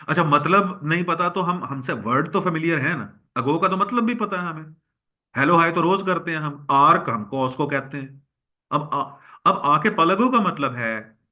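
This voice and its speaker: A male teacher works through a vocabulary list, drilling each word by saying it again and again. His voice is bright and forceful, and he talks to his class as boys and girls. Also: a little high. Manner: drills words by repeating them; addresses students as boys and girls. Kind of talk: recorded lecture.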